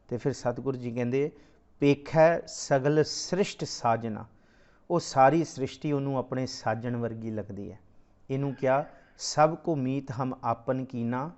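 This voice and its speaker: A man giving a scripture discourse, moving between slow, drawn-out chanting of verses and plain explanation. His voice sits at an ordinary middle pitch. The recording sounds dull and muffled. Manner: chants scripture lines slowly, then explains them. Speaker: Sikh scripture teacher. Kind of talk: religious discourse.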